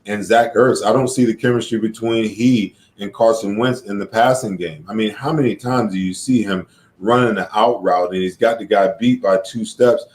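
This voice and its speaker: A man's voice: lowish voice, normal speed, darkish tone, echoey room. A man hosting a sports talk show, breaking down football plays in an emphatic way that builds to frustration. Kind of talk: casual sports analysis chat.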